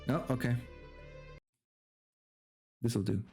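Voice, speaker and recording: A gravelly, darkish mid-range male voice takes its time during a livestream backed by game music. The man rambles casually, cursing freely, and performs a dramatic story reading.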